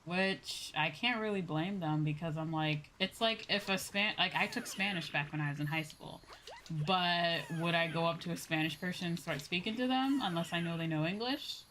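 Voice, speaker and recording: This low-quality recording, with a little hiss or hum, captures a woman livestreaming a game. Her voice is lowish and fairly bright, at normal speed, as she casually chats with viewers, thinking aloud, rambling and often trailing off.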